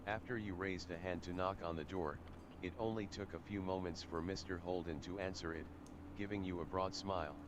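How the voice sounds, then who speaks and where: A man's voice: deep voice, fairly even intonation, brisk. A synthetic text-to-speech voice of an older man, reading a game's narration and dialogue aloud in one mechanical way. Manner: reads everything in one mechanical way, lines and narration alike. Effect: text-to-speech screen reader voice. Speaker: game text reader. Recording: synthetic voice with clear background noise.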